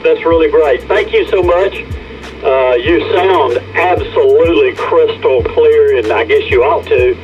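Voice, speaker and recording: A man's voice: fairly high pitch, faint music behind. Hesitant male ham operator over a handheld radio, dull lo-fi sound. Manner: halting, many fillers and restarts. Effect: heard over a handheld radio link. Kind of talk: radio contact chat. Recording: muffled radio reception.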